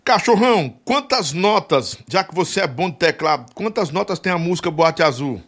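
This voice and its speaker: A man's voice: a little high, animated, moderate pace, fairly bright tone. A man hosting a casual podcast interview, prodding his guest with teasing questions. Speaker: podcast host.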